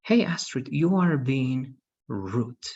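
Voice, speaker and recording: A man's voice: medium pitch, animated, a little mellow, breathy edge. A man, teaching an English grammar class online, patient and repeating "right?" after each point. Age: 30s. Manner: slow, patient, tags sentences with "right?". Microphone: video call webcam. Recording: dull lo-fi video call audio.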